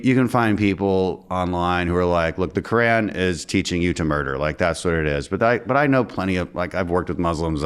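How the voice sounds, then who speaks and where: A man from the United States hosting a casual podcast interview. His voice sits very low. He talks loosely, with restarts and the odd chuckle. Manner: conversational, stumbling restarts, chuckles. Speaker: host.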